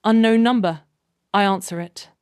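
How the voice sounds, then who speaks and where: A woman reading a scripted first-person story in a measured, even way. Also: medium pitch, smooth, no echo, clean studio sound.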